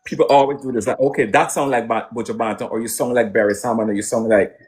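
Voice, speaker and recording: A man from Guyana, a musician guest in a relaxed online interview, speaking through a computer mic on a call. His voice sits in a middle pitch. He talks haltingly, restarting phrases and filling gaps with ums before landing on his point. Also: a crowd in the background. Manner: rambling, hesitant with many restarts. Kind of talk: casual interview answers.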